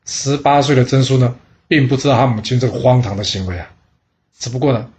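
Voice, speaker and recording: A man hosting a storytelling podcast, telling history in a chatty, lively way. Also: medium pitch, fast talker, a little hiss or hum. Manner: chatty, lively storyteller voicing characters in dialogue. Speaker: storyteller host.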